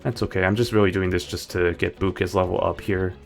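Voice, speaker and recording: Low gravelly guy streaming a game, rambly and chill, music playing behind. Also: flat delivery, brisk. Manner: rambling, self-correcting, playful asides. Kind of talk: casual gameplay commentary.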